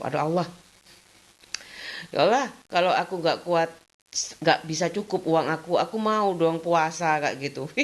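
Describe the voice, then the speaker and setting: A middle-aged woman speaks in a low voice in a casual daily vlog. She rambles from thought to thought, laughing softly between them. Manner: rambling, chatty, often tags sentences with a filler phrase. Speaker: vlogger.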